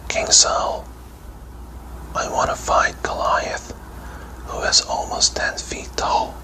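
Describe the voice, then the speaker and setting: A brave young shepherd boy full of faith, acted out by a man speaks in a storybook whispered role-play. The delivery is breathy and slow, all in a whisper. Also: pushed and bright, rough recording. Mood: earnest, brave.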